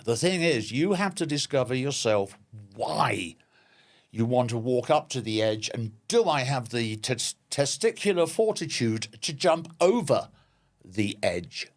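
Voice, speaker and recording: A man's voice: medium pitch, lively intonation, unhurried. A man with an English accent, a podcast guest, talking in a jokey way with hesitations and repeated words. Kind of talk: conversational interview.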